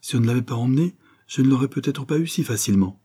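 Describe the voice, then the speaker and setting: A man voicing a calm, reflective young sailor in a storybook reading. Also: mid-range voice, fast talker, breathy edge, pitched above the performer's own voice. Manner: calm, generous.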